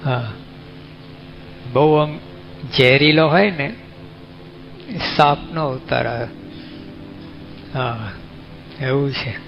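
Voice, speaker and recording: A man's voice: mid-range voice, very slow, creaky, long pauses. A man with a Gujarati accent, giving a folksy, conversational sermon as a monk, often asking his listeners questions. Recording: dull lo-fi recording with faint music.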